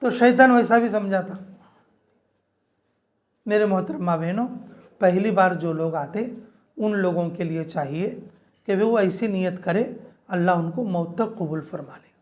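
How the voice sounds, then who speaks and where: High-voiced man giving earnest sermon. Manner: repetitive, earnest exhortation addressing listeners directly. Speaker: Islamic preacher. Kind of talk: informal sermon to a women's group.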